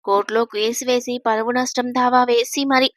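A mischievous young wife in a story reading, voiced by a woman, coaxing and coy, bright high voice with no echo. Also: level tone, normal speed, clean studio sound, close to an everyday voice. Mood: coy playful.

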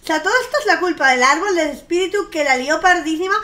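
A woman's voice: very high voice, fast talker, bright, forceful tone. A young woman commenting on a game she plays, chatty, swearing casually and breaking into gushing squeals. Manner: gushing, squealing outbursts of delight. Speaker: streamer. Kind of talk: gameplay commentary. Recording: faint game music behind her.

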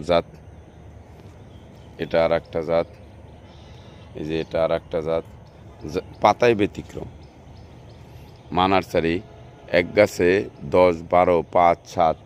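In a casual walkthrough, a man with a Bangladeshi Bengali accent hosts a nursery video, pointing out plants around an outdoor nursery in a repetitive, salesy way. His voice is low and a little mellow, with slight background noise.

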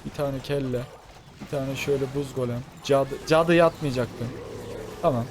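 A young man giving fast, excitable gameplay commentary, talking to his viewers like friends. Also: mid-range voice, slight background noise. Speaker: gaming channel host.

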